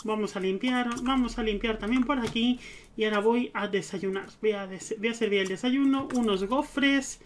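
A man's voice: high voice, moderate pace, slight background noise. Chatty gamer man. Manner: chatty, talks to his game characters. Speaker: let's play gamer. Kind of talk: casual gameplay commentary.

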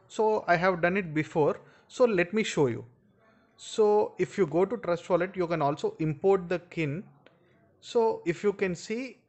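A man's voice: a little high, a little mellow. A man with an Indian accent hosting an informal screen-share tutorial, explaining step by step and often addressing his viewers directly. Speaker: video host.

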